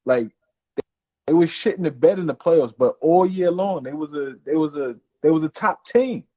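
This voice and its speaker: A man co-hosting a casual sports chat, explaining his point in a measured way. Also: on the high side, expressive. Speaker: co-host. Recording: dull dry audio.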